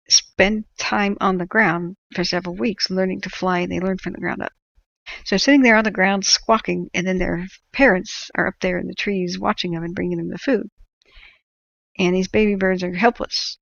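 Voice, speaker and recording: A woman's voice: medium pitch, fairly even intonation, moderate pace, gravelly, fairly bright tone, no room sound, muffled recording. A woman hosting a livestream, chatting casually and explaining things to viewers in an opinionated, emphatic way. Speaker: livestream host.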